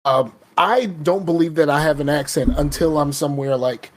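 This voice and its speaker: A man from the American South with a Southern US accent co-hosts a podcast, chatting casually and rambling with plenty of fillers and restarts. His voice is fairly high and his speed normal.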